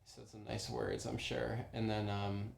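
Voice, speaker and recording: A young man casually telling a personal story, animated, with many ums and restarts. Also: fairly low pitch, normal speed, gravelly. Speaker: former oyster bar worker telling a story. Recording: roomy echo.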